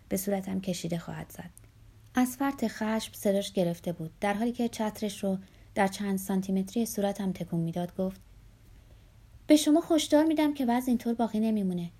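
A woman reading a first-person novel aloud in a measured storytelling manner. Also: medium pitch, vocal fry, dark tone, husky. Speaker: audiobook narrator. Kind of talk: scripted first-person narration.

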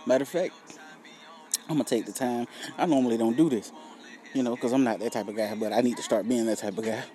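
A man's voice: medium pitch, fast talker, warm tone. A young man chats casually to viewers in a laid-back, slangy, profanity-laced way, often checking for agreement. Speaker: rapper promoting own music. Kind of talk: casual solo vlog chat.

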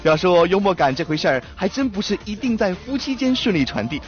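A man's voice: sits high, big pitch swings, brisk. A man narrating an entertainment show in a playful, teasing scripted tone. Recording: dull lo-fi with faint music.

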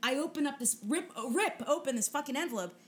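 A woman's voice: high voice, lively intonation, quick pace. A woman co-hosting a casual podcast chat, telling a story with energy, swearing freely and acting out what people said. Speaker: podcast co-host.

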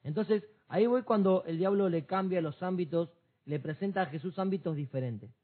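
A man's voice: sits high, normal speed. A man, co-host of a church talk, reasoning aloud with many restarts. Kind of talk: church discussion program. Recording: tinny phone-like sound.

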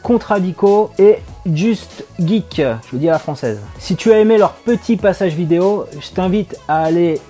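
A man hosts a casual video tutorial, speaking directly to the viewer. His voice sits a little high, and he is chatty with the odd hesitation. Faint music plays underneath. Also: expressive, normal speed, few pauses, dark tone. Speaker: YouTube tutorial host.

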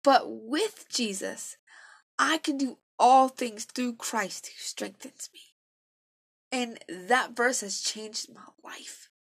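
Slow gravelly-voiced woman sharing testimony. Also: a little high. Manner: earnest, emotional, self-deprecating. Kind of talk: personal faith testimony.

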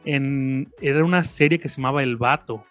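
A man hosting a casual interview, speaking haltingly with many fillers and restarts. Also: medium pitch, fairly bright tone, soft background music. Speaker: interviewer, host.

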